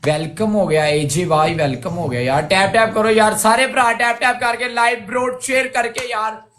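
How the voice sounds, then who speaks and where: A man from Pakistan talks at a breakneck pace on a live video chat, calling out to viewers in quick repeated phrases. Faint music sits behind his voice. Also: high-pitched, fairly bright tone. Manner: rapid banter, bits of singing. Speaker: live-stream guest. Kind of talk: casual live-stream chat.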